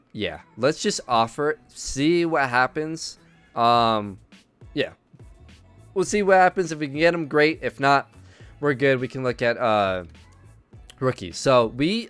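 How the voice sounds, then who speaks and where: A man's voice: medium pitch, a bit bright, smooth, no echo. A man giving casual gameplay commentary, thinking aloud with many ums and uhs. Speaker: video game commentator.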